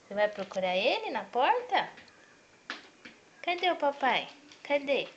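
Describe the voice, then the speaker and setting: Woman, coaxing baby talk to a pet, slow drawn-out words, muffled home video sound. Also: high-pitched, big pitch swings, slight background noise. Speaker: pet owner. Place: indoors at home, by a door.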